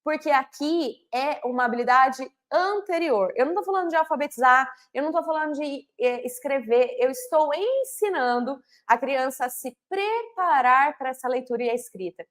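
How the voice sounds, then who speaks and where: High-voiced teacher lady, slows way down to spell out sounds then rushes, keeps saying né? certo?. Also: a bit bright. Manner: didactic, slows down to sound out syllables and phonemes; fast bursts with frequent "né?" and "certo?" checks. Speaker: literacy teacher trainer. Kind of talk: recorded online lesson.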